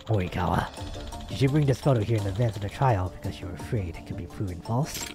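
A man voicing a serious young male video game detective in a low, gravelly vigilante growl. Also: expressive, fast, music in the background. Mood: stern, probing. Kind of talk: reading video game dialogue in character.

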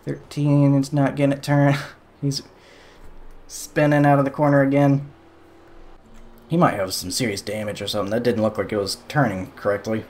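A man's voice: medium pitch, flat delivery, normal speed, long pauses, darkish tone, a little hiss or hum. A young man giving casual, sarcastic commentary over a sim racing replay, exasperated at the calls.

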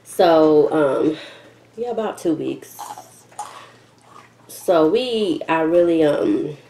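A woman's voice: sits low, expressive, extremely slow, warm tone. A woman in her thirties talking casually to camera while eating, chewing between and through her words. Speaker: mukbang vlogger. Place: indoors at a table, kitchen setting. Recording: roomy echo with faint noise.

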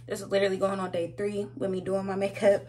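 This makeup vlogger, an American woman in her twenties, talks fast in a completely flat, medium-pitched voice. Her chat is casual and slangy as she does a tutorial indoors in a small home room, and the recording is noisy with hum.

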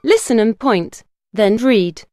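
A woman's voice: on the high side, lively intonation, darkish tone, no room sound, studio quality, faint music behind. A woman reading exercise titles and page numbers for an English textbook audio disc. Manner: clear, measured announcing. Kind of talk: scripted narration.

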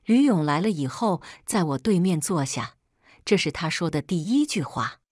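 A woman telling a first-person story as scripted narration, reading in a steady, measured way. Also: on the low side, no echo, studio quality.

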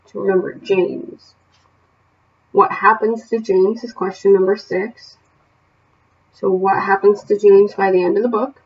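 A woman teacher reading a novel aloud to her class, then setting homework questions in a steady, plain voice with small self-corrections. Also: mid-range voice, unhurried, long pauses, highs cut off, slight background noise.

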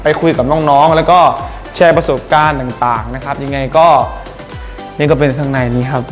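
At a moderate pace and fairly high pitch, with fairly even intonation, a young male singer speaks to the camera as a guest singer and workshop mentor. His presenter-style delivery is polite and earnest, first outdoors by a school building and then indoors at a music school, where he mentors students.

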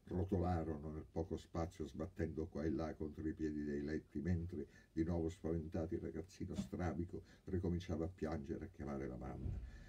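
A male actor reading a novel aloud in a measured, dramatic narration. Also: rumbling low, dark tone, husky. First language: Italian. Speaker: audiobook reader. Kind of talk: literary narration.

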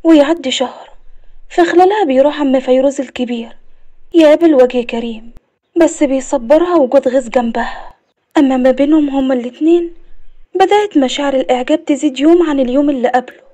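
A woman with an Egyptian accent narrating an animated story. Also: sits high. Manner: brisk storytelling.

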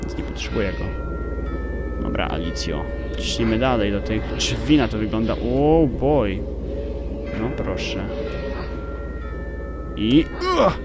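A young man, commentating his gameplay with excited outbursts and swearing. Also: fairly low pitch, slow pace, pauses often. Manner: excitable, exclaiming and swearing at the game. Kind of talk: let's play commentary. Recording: game music playing behind.

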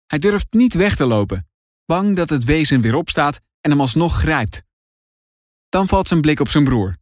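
A man reading a children's adventure audiobook in dramatic, expressive scripted narration. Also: a little high, moderate pace, dry recording, studio quality.

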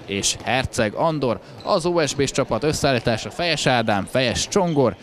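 A man's voice: medium pitch, lively intonation. A man doing chatty live handball commentary with wry asides. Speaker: sports commentator. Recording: crowd noise in sports hall. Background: crowd in a sports hall.

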